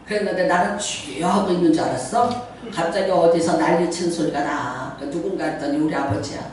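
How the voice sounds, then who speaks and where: An older woman pastor preaching a lively sermon with personal stories, laughing often and acting out the voices of people she quotes. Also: lowish voice, brisk. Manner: animated and laughing, acts out quoted prayers and voices. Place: church sanctuary. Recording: far from the mic with heavy church echo and faint noise.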